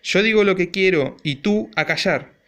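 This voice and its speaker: Casting: a man playing a miserly old father in a rage, shrill, yelling, storybook reading. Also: big pitch swings, measured pace, heavily acted. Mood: furioso. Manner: shrill furious shouting. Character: furious stingy old father, shouting.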